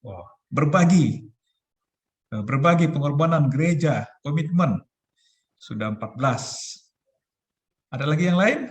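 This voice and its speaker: A man in his forties giving a relaxed, chatty youth talk over a video call, laughing often. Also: fairly high pitch, a little slow, long pauses. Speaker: youth ministry speaker.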